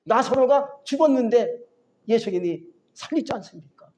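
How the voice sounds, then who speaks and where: A man preaching a sermon as a pastor, lively, often asking the congregation questions and acting out biblical voices. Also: very high-pitched, moderate pace.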